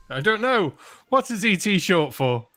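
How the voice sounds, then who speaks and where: He's a host chatting casually over a card game, his voice sitting a little high for a man. He tells corny jokes and stretches out his reactions in loose banter, with faint music playing underneath. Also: very animated, a bit bright. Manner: joking, drawn-out reactions. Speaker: poker stream host.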